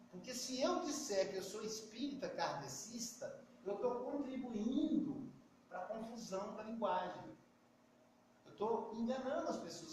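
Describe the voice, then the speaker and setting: A man's voice: sits high, darkish tone. A Brazilian man with a Brazilian Portuguese accent telling stories in a casual talk, acting out the dialogue. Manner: anecdotal, acts out dialogue. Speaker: spiritist speaker. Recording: echoey, distant, faint noise.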